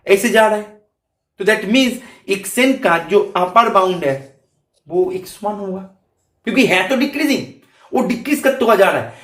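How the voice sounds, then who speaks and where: A man's voice: high voice, a bit bright. Male math tutor, patient step-by-step explainer; roomy recording. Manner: explains step by step, checks in often with students. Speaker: math teacher. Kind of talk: exam-prep math lecture.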